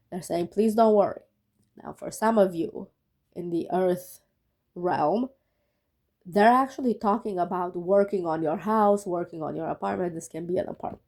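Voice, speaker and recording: A woman's voice: fairly low pitch, dark tone, rough recording. A woman who is sick gives a casual tarot reading to her viewers in a chatty way, often checking in with "okay?". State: sick, rough voice. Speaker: tarot reader.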